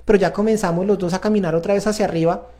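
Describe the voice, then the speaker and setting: This parenting show host, a man, races through a faith-based parenting talk in a high, mellow voice that keeps a steady tone. He speaks directly to viewers, sounding earnest and confessional.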